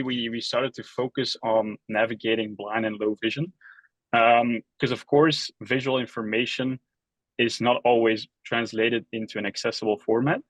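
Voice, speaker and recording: A man's voice: mid-range voice, fairly bright tone, no room sound, low-quality recording. Young Belgian man, startup co-founder, casual webinar talk, dry close sound. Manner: casual, many fillers and restarts. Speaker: app company co-founder. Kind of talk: webinar presentation.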